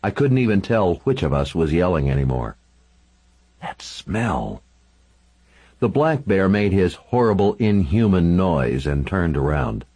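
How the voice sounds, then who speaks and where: A man narrating a first-person audiobook with a very deep, dark and husky voice. His delivery is intense and dramatic, rising and falling widely in pitch. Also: sing-song, unhurried, rough recording.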